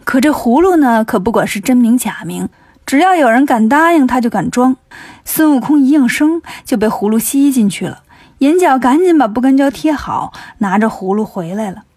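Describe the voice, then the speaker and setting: A woman narrating a children's story in a lively, playful way, voicing each character in turn. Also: a little high, moderate pace, breathy edge, no echo, studio quality.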